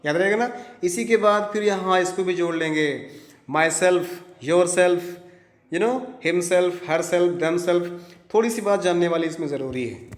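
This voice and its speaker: A male teacher with an Indian accent, his voice set a little high, works slowly through word lists in a grammar lesson. He repeats each item and keeps asking whether it has sunk in. The sound rings around an echoey room. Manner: drills by repetition, checks understanding.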